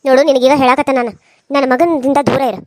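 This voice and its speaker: A woman's voice: high-pitched, steady tone, fast talker, a little mellow, dry recording, clean studio sound, pitched below the performer's own voice, close to an everyday voice. A woman doing a harsh North Karnataka mother-in-law. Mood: scolding. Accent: North Karnataka Kannada. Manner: scolding, contemptuous. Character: harsh scheming rich mother-in-law, middle-aged. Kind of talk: cartoon serial voice acting.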